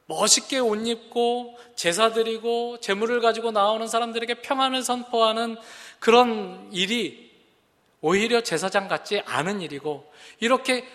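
A pastor preaching a sermon, earnest and building to impassioned emphasis. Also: male voice, high-pitched, sharp tone. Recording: long reverb of a large hall.

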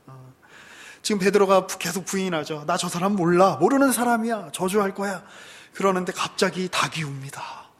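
Casting note: male pastor, young, high and husky, chatty sermon, acts out scenes, sometimes whispers. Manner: conversational, acts out dialogue, laughs often, drops to whispers.

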